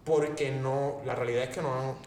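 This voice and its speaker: A man with a Puerto Rican accent hosting a casual podcast, telling stories with lively quoted voices. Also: medium pitch, normal speed, distant mic. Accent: Puerto Rican Spanish. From Puerto Rico. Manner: animated storytelling, acts out quotes in raised voice. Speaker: podcast host. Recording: echoey room, faint background noise.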